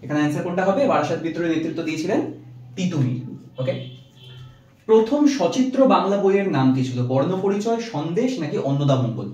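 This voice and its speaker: Fast-talking teacher in an echoey room. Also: male voice, on the high side, lively intonation, darkish tone. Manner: reads options, then gives answers with fillers; mixes English words into speech. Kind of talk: exam question lesson. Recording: very echoey, from far off.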